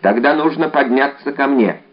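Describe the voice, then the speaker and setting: A man's voice: mid-range voice, moderate pace, dull audio, close to an everyday voice. A man voicing an ardent young guardsman in an audiobook, eager and exclamatory. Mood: resolute. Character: ardent young Gascon guardsman, bold and gallant.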